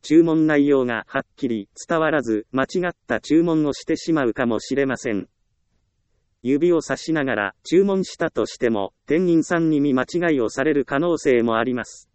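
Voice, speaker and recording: A man calmly narrating a self-help book, reading advice in an even, instructive way. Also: a little high, moderate pace, clear, resonant tone, no room sound.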